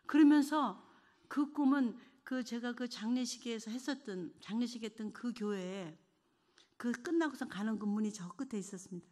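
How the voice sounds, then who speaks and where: A middle-aged woman giving an emotional church testimony, earnest, moving between hushed and fervent delivery. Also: on the high side, normal speed.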